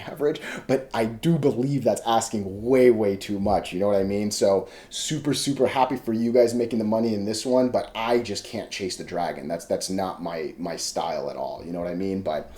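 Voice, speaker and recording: A man with a fairly low, mellow voice gives rambling, casual commentary on stock charts during a screen share. He keeps breaking off his own sentences, talks in loose, salty slang, and has the hiccups.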